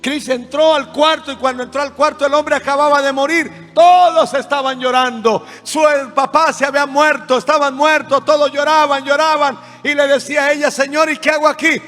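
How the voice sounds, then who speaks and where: A male pastor preaching with passion, swinging between shouts and quiet asides. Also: very high-pitched, fairly even intonation, moderate pace, few pauses. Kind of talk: sermon. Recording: music underneath, long reverb hall.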